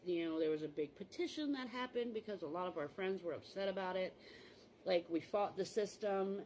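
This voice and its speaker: A woman's voice: lowish voice, brisk, a little mellow, slight background noise, rough recording. A mother talking candidly in a rambling, casual monologue, full of "like" fillers, while changing clothes.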